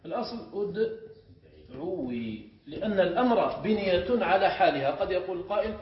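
Male sheikh teacher, high voice, quizzes his class as he explains, echoey room recording. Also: lively intonation. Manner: explains step by step and often checks the class with quick questions. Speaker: sheikh teaching Arabic morphology. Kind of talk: classroom lesson. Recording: echoey room, muffled sound, faint hiss.

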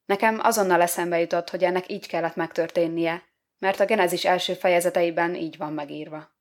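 Woman narrating an audiobook in a measured way. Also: lowish voice. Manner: measured, expressive storytelling. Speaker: audiobook reader.

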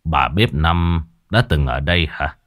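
A man voicing a stern, grave older exorcist in a ghost story, speaking slowly and quietly. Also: very deep voice, no echo, clean studio sound, pitched below the performer's own voice. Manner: slow, grave, measured.

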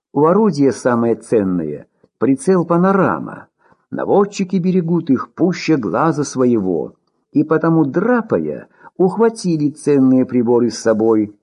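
A man reading war prose aloud as an audiobook narrator, in an expressive storytelling manner. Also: mid-range voice, husky.

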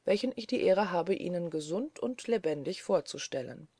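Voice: mid-range voice, lively intonation, normal speed, a little mellow, no room sound. A reader voicing a confident male lawyer in a courtroom, speaking in an assured, polished way.

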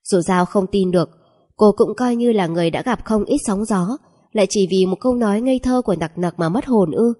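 A woman reads a novel aloud in a steady, even storytelling manner. Her voice is mellow and dark, with a soft breathy grain. The pace stays calm throughout the narration. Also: mid-range voice, brisk.

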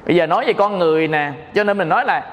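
Man, Buddhist monk with a Southern Vietnamese accent, high voice, playful teaching tone, dharma talk in a reverberant hall. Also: rapid-fire, fairly bright tone. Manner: playful, joking, often checks the audience understands.

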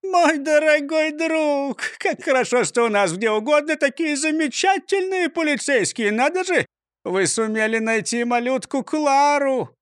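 A man voicing an excitable, jolly mayor in a storybook reading, speaking in drawn-out exclamations. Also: very high voice, no echo, studio quality, pitched above the performer's own voice. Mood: overjoyed.

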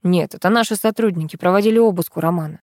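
A woman's voice: fairly low pitch, quick pace, a little mellow, dry recording, lightly acted. A woman reading an audiobook, voicing a stern, curt husband in close to her own voice. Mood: firm.

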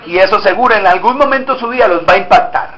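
A man's voice: high voice, fast talker, fairly bright tone. A male pastor preaching a sermon, exhorting the congregation with direct questions, recorded in a church hall.

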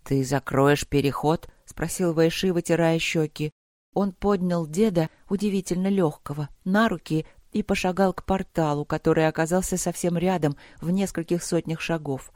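A man narrates a fantasy novel in a steady, expressive read. His voice sits somewhat high for a man. The recording is dry and close, with no room sound. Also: normal speed, no room sound. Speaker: audiobook narrator.

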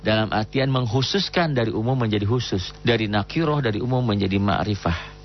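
A man's voice: on the low side, slight background noise. Man teaching Quran recitation, lo-fi. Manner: explains rules patiently, breaks into slow melodic recitation of Arabic. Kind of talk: tajweed lesson with chanted examples.

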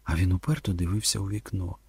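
Gravelly male audiobook narrator. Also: low-pitched, steady tone, fast talker, darkish tone, no room sound, studio quality.

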